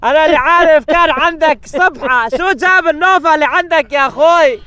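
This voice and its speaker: A man's voice: very high voice, fast talker, bright, forceful tone. A man playing a hospitable herder who lives out in the desert, speaking in a comic sketch and earnestly repeating brotherly address. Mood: worried. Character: hospitable rural male herder living out in the desert.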